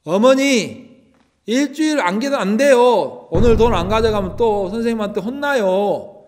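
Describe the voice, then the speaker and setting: A man's voice: high voice, big pitch swings, moderate pace, a little mellow, pitched above the performer's own voice. A man voicing a boy who pleads with his mother, insistent and whiny. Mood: pleading.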